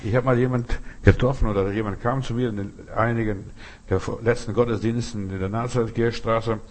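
A male pastor preaching a sermon. He repeats short emphatic phrases, speaks straight to his listeners, and slows right down on key lines. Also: fairly low pitch, steady tone.

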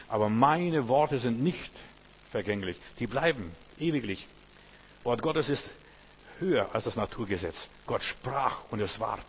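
A man delivers a sermon, hammering home phrases and repeating them, dropping to a hush and then climbing again. His voice sits at an ordinary pitch and carries a long reverb, with a faint hum underneath. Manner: emphatic, repeats key phrases, swings from loud to hushed. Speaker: preacher.

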